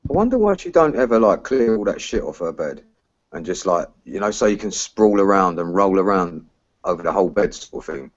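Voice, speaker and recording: Low-voiced matey Kiwi man, lo-fi. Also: sing-song, fairly quick. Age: about 40. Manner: matey, slangy, sweary. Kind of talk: casual online group chat. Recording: dull lo-fi online voice chat.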